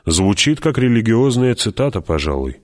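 Guy voicing a scripture-quoting fighter, chanting a bit, low voice, audiobook. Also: very animated, normal speed. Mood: wry. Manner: sing-song, quoting. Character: wry warrior who quotes scripture, man.

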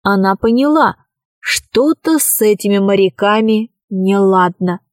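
A woman narrating a children's story in a slow, deliberate storytelling manner. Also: a little high, no room sound, studio quality.

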